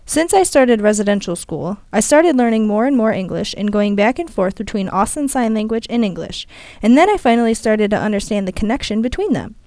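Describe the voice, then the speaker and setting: A young woman, a student interpreter, voicing a first-person story in a steady, measured way. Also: medium pitch, no room sound. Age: young adult.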